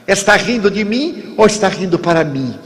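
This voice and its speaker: A man's voice: high voice, lively intonation, moderate pace, a bit bright, pitched above the performer's own voice. A man voicing a pushy, quarrelsome stranger who fires insistent questions, in a speech recorded with long hall reverb. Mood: challenging.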